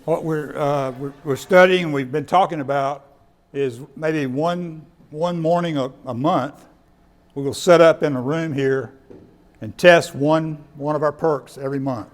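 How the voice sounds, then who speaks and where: In an indoor meeting room, a man gives an informal presentation on radio kits at a club meeting, taking audience questions. He explains conversationally, often repeating words, in a voice on the high side at a measured pace.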